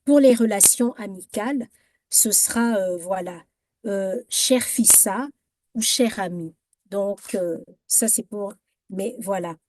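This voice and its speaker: A woman's voice: mid-range voice, takes it slowly, darkish tone, a little hiss or hum. A woman giving an informal workshop talk on etiquette, hesitant and full of fillers, setting wrong phrases against correct ones. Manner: hesitant, many fillers and restarts.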